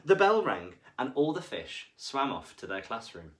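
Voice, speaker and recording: A man reading a picture book aloud to children, animated and engaging, asking the listener questions. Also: medium pitch, moderate pace. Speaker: children's storyteller.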